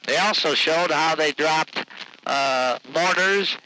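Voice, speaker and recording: An American man dictating an account in a halting, measured way on a 1950s dictaphone tape. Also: a little high, sharp tone, a little hiss or hum, low-quality recording. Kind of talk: dictated spoken account of a trip. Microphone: dictation machine microphone.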